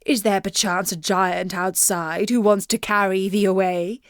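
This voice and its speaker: A stern, fatherly king from a storybook, as a woman narrator puts him on. He speaks in formal, measured phrases with calm command. The sound is close and dry. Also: medium pitch, no room sound, close to an everyday voice. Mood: concerned questioning. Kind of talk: children's storybook character voice.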